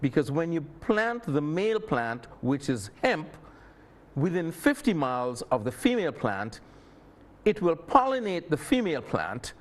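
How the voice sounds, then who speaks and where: A man's voice: on the high side, big pitch swings, unhurried. A man from Saint Kitts, explaining things emphatically as an expert guest in a panel discussion.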